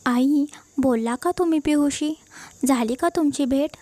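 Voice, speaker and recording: A woman's voice: high-pitched, a little slow, warm tone, dry recording. A woman voicing a polite, hopeful middle-aged daughter-in-law. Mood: eager. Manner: polite, eager.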